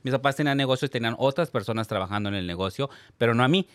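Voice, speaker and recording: A man's voice: medium pitch, rapid-fire, dry recording. Earnest man, dry studio sound. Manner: earnest, emotional storyteller. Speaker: podcast co-host. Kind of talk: casual chat.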